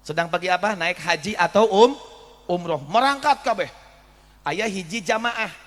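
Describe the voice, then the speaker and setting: A man preaching a sermon in an animated way, often throwing questions to the audience. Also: high-pitched, normal speed. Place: religious school gathering hall. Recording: echoey hall.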